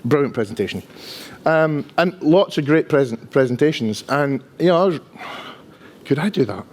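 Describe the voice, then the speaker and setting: Male conference presenter, 50s, strong Dundee accent, slightly high-pitched voice, chatty and self-deprecating. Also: lively intonation, moderate pace, a little mellow. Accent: strong Dundonian Scottish. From Dundee, Scotland. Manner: chatty, self-deprecating, often tags sentences with "right?". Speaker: conference speaker, IT engineer.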